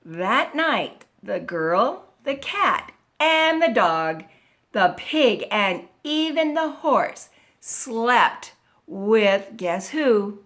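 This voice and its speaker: Slow, lively woman reading a storybook. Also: fairly high pitch. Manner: slow, expressive reading with animal noises. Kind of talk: children's picture book read-aloud.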